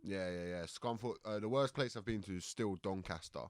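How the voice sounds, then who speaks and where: A man's voice: low voice, a little fast, dry recording, studio quality. A young man with a South London accent, a stand-up comedian telling rambling anecdotes full of fillers on a podcast. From Croydon, South London, England. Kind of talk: casual podcast chat, storytelling. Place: podcast studio.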